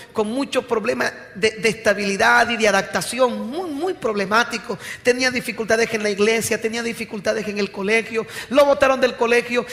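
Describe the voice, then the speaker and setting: A male pastor preaching a sermon, telling a story, rising to loud emphasis and dropping to hushed passages. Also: extremely high pitch. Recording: long hall reverb.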